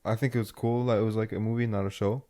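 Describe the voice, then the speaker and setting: A man's voice: lowish voice, level tone, fast talker, mellow. A man hosting a casual podcast chat, rambling and steering the talk back with filler words. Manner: rambling, keeps saying "anyways". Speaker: podcast host.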